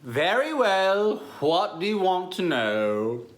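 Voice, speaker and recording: An actor playing an ailing, proud older male composer who speaks in a measured, formal way but flares up quickly. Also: mid-range voice, very animated, echoey room. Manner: measured, formal, easily agitated. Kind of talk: amateur online musical reading.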